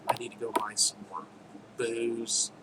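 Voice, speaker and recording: A man's voice: mid-range voice, little pitch movement, a little slow, heavy background noise. Man rambling through game tips. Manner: rambling, jokey asides. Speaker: game developer showing his own game. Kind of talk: casual gameplay commentary.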